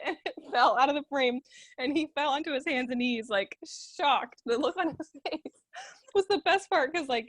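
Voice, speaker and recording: Woman participant, giggly, higher voice, dry close sound. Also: dry recording. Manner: giggly, laughs often while talking. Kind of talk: casual anecdote.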